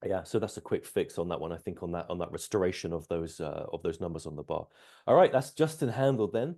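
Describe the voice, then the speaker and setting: Man, fairly low voice, dark soft timbre, measured coach, casual explanatory commentary. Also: lively intonation. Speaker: strength coach, host.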